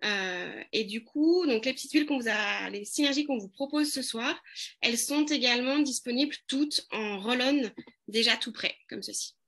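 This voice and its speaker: Bright-voiced woman presenting essential oils. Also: fairly high pitch, normal speed. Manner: hesitant, many fillers and restarts. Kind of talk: casual live product demo.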